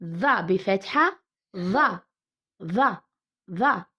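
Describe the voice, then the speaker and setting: A woman teacher with a Moroccan Arabic accent, slowly sounding out letters and words in a reading lesson and explaining in both Arabic and Spanish. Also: mid-range voice, lively intonation, sharp tone, husky. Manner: slow, drawn-out syllable-by-syllable reading. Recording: dull lo-fi recording.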